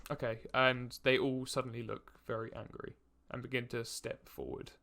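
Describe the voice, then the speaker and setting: Gravelly young man running a tabletop game. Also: medium pitch, flat delivery, normal speed, sharp tone. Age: young adult. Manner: hesitant, many fillers and restarts, laughs often. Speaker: game master.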